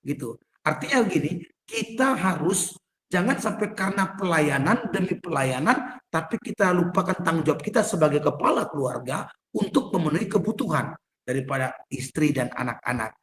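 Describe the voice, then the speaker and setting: A man's voice: fairly high pitch, lively intonation, normal speed, fairly bright tone, roomy sound, slight background noise. A man preaching as a pastor to an online prayer group, conversational and folksy, turning to his listeners again and again. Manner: conversational, addresses listeners as "Pak" constantly. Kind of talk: sermon. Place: home, online prayer meeting. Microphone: video call.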